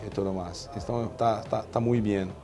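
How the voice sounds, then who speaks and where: Brazilian man speaking halting Spanish. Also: fairly low pitch, steady tone, music in the background. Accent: Brazilian Portuguese. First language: Portuguese. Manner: halting, with many fillers and restarts. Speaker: veterinarian in equine nutrition. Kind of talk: interview answers. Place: indoor exhibition stand. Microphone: lapel.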